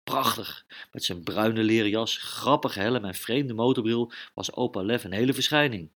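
A man narrating a children's audio story in episodes, lively and dramatic with sound effects of his own. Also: lowish voice, normal speed.

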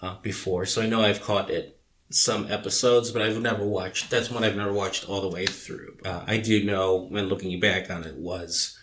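A man's voice: on the low side, fairly even intonation, normal speed, a bit bright, slight background noise. A man in his thirties chatting casually as a podcast co-host, rambling with many fillers. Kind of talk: casual chat.

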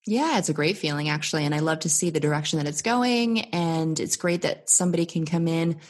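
Upbeat and conversational, an American-born woman in her thirties shares her business story during a podcast interview. Her voice sits low and she talks fairly quickly.

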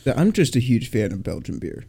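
A man's voice: mid-range voice, sing-song, a little fast, vocal fry, warm tone, breathy edge. A joking man, co-hosting a casual podcast and teasing himself and his friends. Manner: joking, self-mocking. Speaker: podcast co-host. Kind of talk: casual chat.

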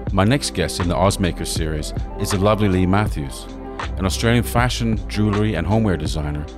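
A man hosting a design podcast, chatting with a guest in a rambling, self-interrupting way. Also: sits low. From England. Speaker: podcast host.

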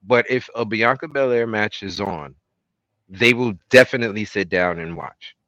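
A man's voice: lowish voice, moderate pace, fairly bright tone, no room sound, lo-fi sound. A middle-aged man hosting a podcast in casual talk, emphatic and repeating phrases, with some swearing. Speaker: podcast host.

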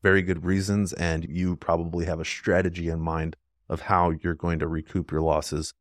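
A man's voice: deep voice, level tone, moderate pace, no echo, clean studio sound. A man speaking as a podcast guest and app developer, talking casually and rambling with frequent "like" fillers.

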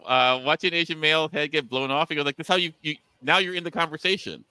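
A man co-hosting a podcast in casual chat, an animated storyteller who laughs often and restarts his sentences. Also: on the high side, fast talker, smooth, no room sound, low-quality recording. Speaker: podcast co-host.

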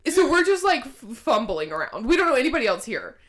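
A woman's voice: high-pitched, very animated, fast, fairly bright tone. A woman co-hosting a podcast, telling a travel story in casual chat and laughing often. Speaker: podcast co-host.

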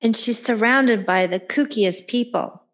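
A woman's voice: a little high, measured pace. A woman interviewing an author, asking long, winding questions with restarts.

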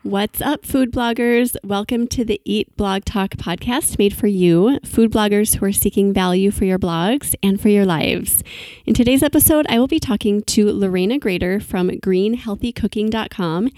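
Upbeat lady podcast host, medium pitch, super dry close mic. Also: moderate pace, dark tone, no echo. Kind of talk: podcast interview.

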